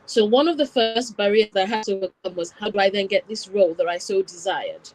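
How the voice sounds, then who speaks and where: Recounting her story step by step, a woman guest reflects on being born in Wales and raised in Nigeria from about nine. Her medium-pitched voice is a little mellow and quick-paced. The recording is rough, with slight background noise.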